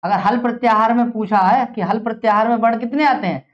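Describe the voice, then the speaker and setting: A woman's voice: fairly high pitch, quick pace. Woman, teacher, classroom lecture, repeats questions to the class, checks understanding, muffled lo-fi sound. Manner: explains step by step, checks understanding often. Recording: dull lo-fi classroom recording.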